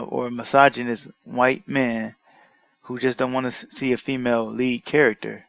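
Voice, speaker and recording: Gravelly-voiced man arguing a point. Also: medium pitch, a bit bright, no echo, dull audio. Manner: indignant, argumentative, halting with restarts. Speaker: commentary vlogger. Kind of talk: reading an article aloud and rebutting it.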